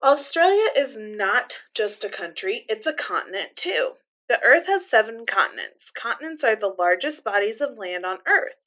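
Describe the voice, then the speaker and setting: This woman reads to young listeners in a teacher's style, very animated and at normal speed. Her voice is bright and somewhat high, and she mixes reading with simple, clear commentary.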